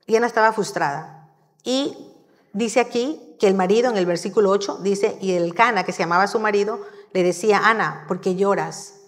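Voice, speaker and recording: A woman giving a sermon in a church, telling the story in a lively, conversational way. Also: mid-range voice, fairly quick. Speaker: church speaker. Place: church hall. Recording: long hall reverb.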